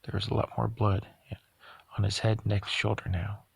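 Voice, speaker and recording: A man narrating a novel aloud at a steady pace, sometimes stumbling over a word and correcting himself. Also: lowish voice, moderate pace, gravelly, slightly rough, dry recording. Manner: steady reading with occasional stumbles and self-corrections. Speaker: audiobook reader. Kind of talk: audiobook narration.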